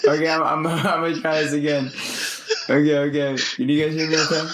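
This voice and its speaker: A man's voice: on the high side, little pitch movement, normal speed. A man chatting casually as a podcast co-host, cursing and saying "bro" a lot, his audio dropping out over a choppy wireless connection. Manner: loose and laid-back, peppered with swearing and "bro". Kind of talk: casual chat. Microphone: remote call link. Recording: choppy remote line with faint noise.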